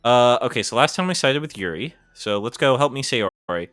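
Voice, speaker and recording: A male streamer chats casually while reading a visual novel aloud, wandering into rambling, self-deprecating asides. His tone is bright and forward, with lively swings in pitch, and the sound is dry and close. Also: a little fast, no echo, faint music behind. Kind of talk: casual let's-play commentary.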